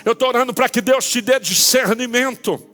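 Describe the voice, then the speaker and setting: A man with a Brazilian Portuguese accent preaching a sermon as pastor in a church, impassioned, speaking straight to his listeners and rising to shouted peaks. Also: extremely high pitch, normal speed. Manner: addresses listeners directly.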